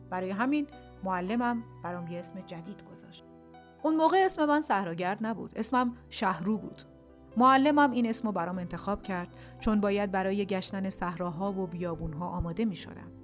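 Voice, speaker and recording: A woman voicing a kind, wise wandering storyteller bird in a children's audio story, speaking in a warm, reassuring way. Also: medium pitch, lightly acted.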